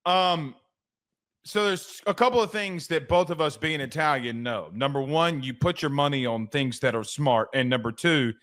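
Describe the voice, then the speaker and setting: A man's voice: a little high, expressive, normal speed, a bit bright. Stammering man chatting sports picks. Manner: stammering restarts, talks to co-host by name. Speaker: podcast co-host. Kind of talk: casual sports picks chat.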